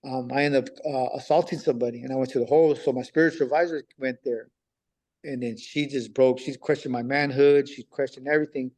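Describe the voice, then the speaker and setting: A man's voice: medium pitch, fairly even intonation, fairly quick, a little mellow. Casual man telling a story. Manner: casual street talk, acts out past dialogue, repeats himself. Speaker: podcast guest recently released on parole. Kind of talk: telling a personal story in conversation.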